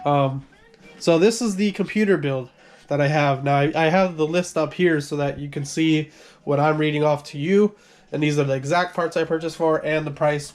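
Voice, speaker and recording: Rambling man, slightly high voice. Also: a little mellow. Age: adult with a son. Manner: rambling, self-correcting, apologetic. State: coughing, short of breath. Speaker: gaming channel creator. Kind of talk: casual room tour.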